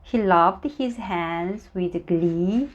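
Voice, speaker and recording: A woman whose first language is Korean, reading a children's book aloud in a slow, expressive way, with small stumbles and friendly asides. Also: lowish voice, muffled recording. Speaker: storybook reader.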